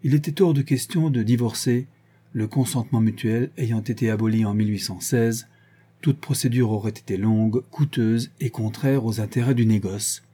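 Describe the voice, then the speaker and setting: A man narrating an audiobook in a measured storytelling manner. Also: mid-range voice, mellow, slightly rough. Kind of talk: audiobook reading.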